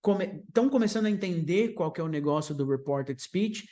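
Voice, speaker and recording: A Brazilian man leads a recorded aviation English lesson. His voice sits a little high but is soft and mellow. He hurries through his explanations and slows right down to repeat the English phrases for students. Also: expressive. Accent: Brazilian Portuguese. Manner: explanatory, switches between fast asides and slow drilled English examples. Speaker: English teacher for aviation exam. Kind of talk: online video lesson.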